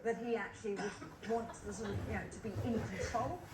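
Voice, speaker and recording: A woman's voice: medium pitch, steady tone, fairly quick. A woman commentator giving considered, somewhat hesitant political analysis on a live broadcast panel. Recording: roomy, distant, clearly noisy broadcast.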